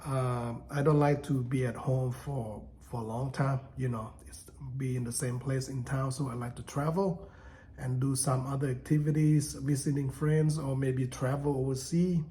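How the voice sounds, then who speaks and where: A man in his fifties, from Thailand, talking casually and haltingly to camera from home about his coming retirement, with many fillers and restarts. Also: medium pitch, fairly even intonation, mellow, a little hiss or hum. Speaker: vlogger. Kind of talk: casual unscripted talk to camera.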